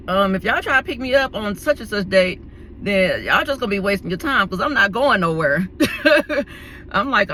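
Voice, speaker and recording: Woman vlogger, bright forceful tone, chatty storyteller, full of fillers and restarts. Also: mid-range voice, slight background noise. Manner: chatty, animated, acts out the people in her story; frequent fillers and restarts, laughs between lines. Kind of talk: casual storytelling to camera.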